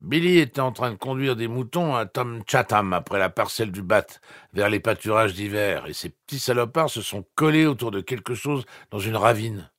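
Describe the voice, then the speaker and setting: A man voicing a drunken middle-aged rancher who rambles excitedly on a phone call. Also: fairly low pitch, moderate pace, no echo, clean studio sound, voice pushed up, close to an everyday voice. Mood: rambling.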